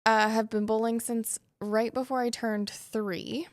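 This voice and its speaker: A woman from the Toronto area, a guest on a podcast in a studio, friendly and quick to laugh in casual chat. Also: a little high, fairly even intonation, dry recording. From Toronto area, Canada. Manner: friendly, laughs easily, warm agreeing fillers. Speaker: guest, professional bowler.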